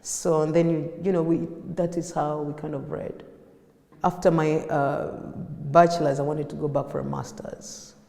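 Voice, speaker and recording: A woman's voice: low voice, level tone, moderate pace, vocal fry, mellow. Ugandan woman in an echoey room. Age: 30s. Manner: reflective, with frequent fillers and restarts. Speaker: artist. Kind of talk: personal interview storytelling. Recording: echoey room with long reverb.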